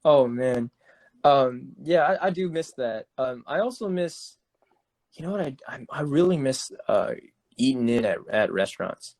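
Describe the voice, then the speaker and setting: A young man co-hosting a podcast, telling an animated story with lots of "like" and restarts. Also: medium pitch, unhurried. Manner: animated storyteller, full of "like" and restarts, laughs often. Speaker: podcast co-host. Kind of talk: casual storytelling chat.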